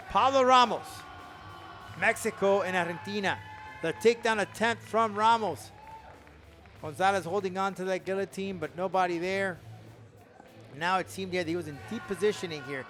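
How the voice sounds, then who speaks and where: Guy commentating mma live, pretty high voice, bit of crowd noise behind him. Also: a bit bright. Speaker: fight commentator. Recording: faint music and crowd behind.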